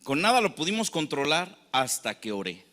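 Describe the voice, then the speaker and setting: A man's voice: fairly high pitch, very animated, moderate pace, bright, forceful tone, big-room sound. A man with a Mexican accent preaching a sermon as pastor, telling stories and acting out the people in them. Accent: Mexican Spanish. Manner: storytelling preacher acting out anecdotes.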